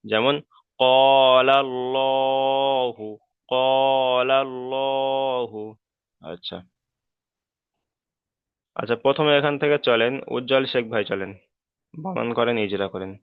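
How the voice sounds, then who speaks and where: A man's voice: mid-range voice, animated, measured pace, long pauses, no room sound. A man teaching Quran reading in an online lesson, explaining rules patiently and over again, and drawing out the chanted example words. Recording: dry, phone-like call audio.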